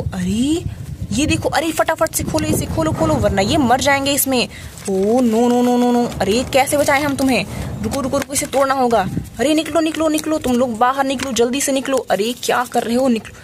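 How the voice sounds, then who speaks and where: A woman with a high voice narrates a toy play session. She is animated and bossy, and she repeats her commands over and over. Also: moderate pace, noisy background. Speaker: toy video host.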